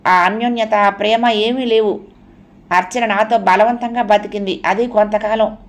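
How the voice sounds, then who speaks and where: A woman's voice: medium pitch, fairly even intonation, a little slow, lightly acted. Woman voicing a distraught young husband. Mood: anguished. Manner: pleading, emotional outbursts. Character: distraught young married man, anguished.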